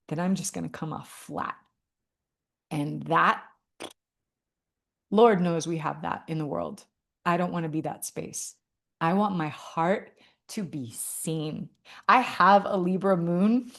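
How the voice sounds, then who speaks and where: A woman talking to camera about astrology in a casual, heartfelt way, earnest and full of fillers and restarts. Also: on the low side. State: tearful at moments. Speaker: astrology vlogger.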